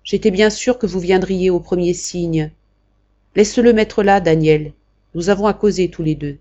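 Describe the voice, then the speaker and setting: A woman reading the part of a gentle, brave young man dying of consumption, speaking softly and tenderly. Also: lowish voice, normal speed, lo-fi sound, close to an everyday voice.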